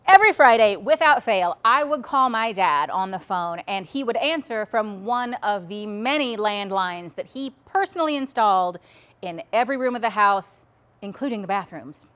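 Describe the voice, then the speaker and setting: A woman's voice: medium pitch, lively intonation, normal speed, a bit bright. Woman storyteller, wry and reflective, conversational monologue.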